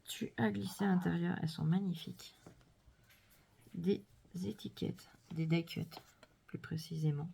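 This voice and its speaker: A woman vlogger chatting casually and gushing softly as she unboxes crafts, sometimes dropping to a whisper. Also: fairly low pitch, steady tone, measured pace, gravelly, pauses often, slight background noise. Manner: gushing, soft-spoken, drops to whispers. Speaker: scrapbooking vlogger.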